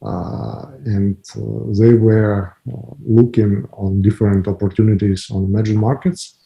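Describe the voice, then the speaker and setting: A man from Ukraine with a Ukrainian accent, answering interview questions in halting, filler-heavy English. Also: fairly low pitch, fairly even intonation, creaky, dull audio. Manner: halting, many fillers and restarts. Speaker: guest, company founder.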